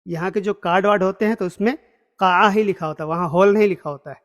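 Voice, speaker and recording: A man teaching an everyday Arabic vocabulary lesson in a casual spoken style, repeating each word slowly and stressing it. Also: high voice. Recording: long hall reverb.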